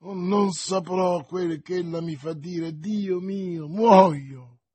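A man voicing a haughty noble duke who meets a threat with loud indignant outbursts. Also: high-pitched, takes it slowly, breathy edge, no room sound, full character voice. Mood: faint. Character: proud noble duke, haughty then dying.

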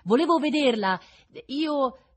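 A woman reading the part of a remorseful young nobleman, speaking stiffly and haltingly, near tears. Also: sits high, lively intonation, voice pushed up. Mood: pleading.

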